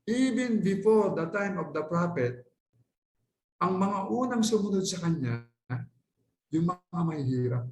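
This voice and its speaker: A man from the Philippines lecturing a class in a slightly higher voice. He talks in a conversational way, checks in often with "okay?" and slips into English phrases. The sound is roomy and echoey, as if recorded in a lecture hall. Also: expressive, a little slow, pauses often, a little mellow. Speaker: Islamic lecturer. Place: lecture hall at a dawah center.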